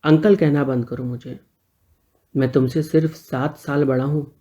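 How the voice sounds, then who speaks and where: A man voicing a gentle, joking neighbor who is a little older and talks calmly and reassuringly. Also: mid-range voice, measured pace, natural voice.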